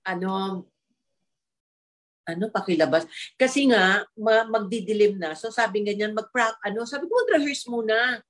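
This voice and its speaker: A middle-aged actress chatting casually as a guest, telling animated stories and laughing often, slipping English into her talk. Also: medium pitch, normal speed, long pauses. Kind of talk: casual chat in an online interview.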